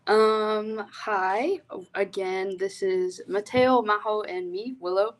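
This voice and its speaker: A woman's voice: medium pitch, steady tone, slow, low-quality recording. Young woman youth delegate, casual and filler-heavy, video call. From east coast of Canada. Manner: casual, many fillers and restarts. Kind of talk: online presentation.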